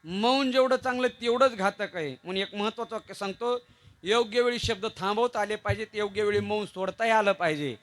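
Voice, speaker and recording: A man with a Marathi accent preaching a devotional kirtan sermon, mixing jokes and stories with slowly chanted verses. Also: sits high, fairly bright tone, a little hiss or hum.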